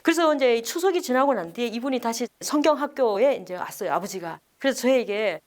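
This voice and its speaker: Lively, high-voiced nun telling a story. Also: female voice, a little fast. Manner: animated, acts out the people in her story; asks the audience questions.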